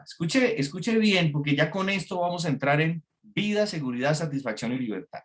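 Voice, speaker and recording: A man preaching a sermon to a congregation, engaging them with frequent questions. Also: a little high. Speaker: pastor. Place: church before a congregation.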